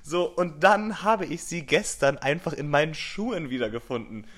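A man's voice: fairly high pitch, lively intonation, normal speed, a bit bright. Rambling young man telling a story. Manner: rambling storyteller, lots of fillers and repeated starts. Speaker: podcast co-host. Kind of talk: casual chat.

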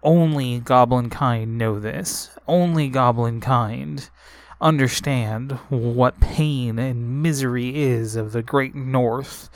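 A man voicing a bitter male goblin mage who lectures grimly about dark magic in a tabletop role-play. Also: mid-range voice, slow pace, dry recording. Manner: grim, lecturing.

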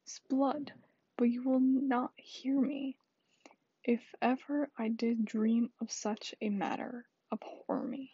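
A woman reading the lines of a bitter, scheming male soldier in a soft whisper, in a dull lo-fi recording. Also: extremely high pitch, level tone, takes it slowly, husky, no room sound, full character voice. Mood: resentful.

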